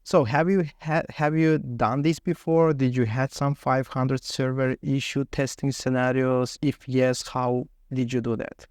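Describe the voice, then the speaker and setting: A man's voice: medium pitch, fairly even intonation, measured pace, hardly any pauses, a little mellow, clear, resonant tone, dry recording, studio quality. A man acting as interviewer in a mock technical interview, putting questions and follow-ups to a candidate.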